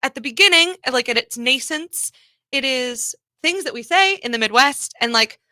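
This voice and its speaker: A woman from Missouri, a comedian and author guest, telling stories in a casual radio interview with quick animated asides. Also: high-pitched, no echo. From Missouri, USA.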